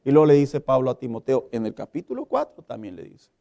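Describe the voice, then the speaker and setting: A pastor preaching a sermon, emphatic, asking the congregation questions and acting out little dialogues. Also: male voice, medium pitch, sing-song, fast, vocal fry, warm tone.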